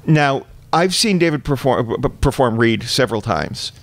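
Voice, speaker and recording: A man's voice: mid-range voice, expressive, normal speed, no echo. A man, a guest comedian, reading his own comic story aloud with a wry, precise, wordy delivery.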